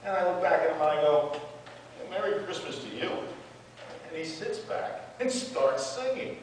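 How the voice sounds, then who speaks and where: A man's voice: a little high, expressive, normal speed, close to an everyday voice. A man playing a patient in a waiting room, telling the story in a dry, bemused way. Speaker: stage actor in a monologue. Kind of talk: theatrical monologue. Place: stage in a hall. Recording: echoey hall, far from mic, faint noise.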